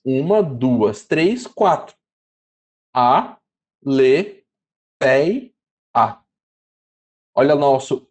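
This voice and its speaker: A man's voice: a little high, darkish tone. Chatty man teaching Greek. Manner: chatty, repeats and spells syllables slowly. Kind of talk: casual teaching lesson.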